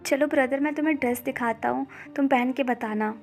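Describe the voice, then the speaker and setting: A woman voicing an excitable, cheerful young man who gushes and teases his friends. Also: very high voice, a little fast, vocal fry, soft background music. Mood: excited.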